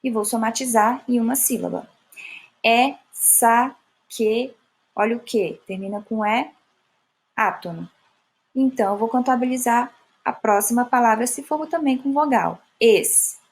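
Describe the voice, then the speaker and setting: A woman teacher giving a classroom lesson on poetic meter, patiently explaining and stretching out example words slowly. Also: a little high. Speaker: Portuguese teacher.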